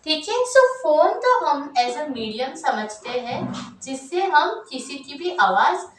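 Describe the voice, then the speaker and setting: A young woman teaching an exam-focused English grammar lesson in a lively, chatty way, full of asides and repeated checks. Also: high voice, slow pace, a little hiss or hum. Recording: roomy, mic set at a distance.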